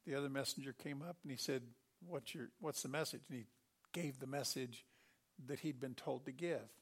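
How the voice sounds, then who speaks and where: A middle-aged man preaching a sermon, telling Bible stories with animated delivery and acting out the characters. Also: medium pitch, normal speed, slightly rough.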